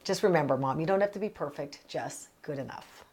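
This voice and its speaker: A woman's voice: sits low, fairly quick, a little mellow, soft background music. A woman in her fifties hosting a casual advice vlog from a small closet, speaking in an earnest, direct, conversational way. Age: 50s. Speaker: parenting vlog host answering a letter.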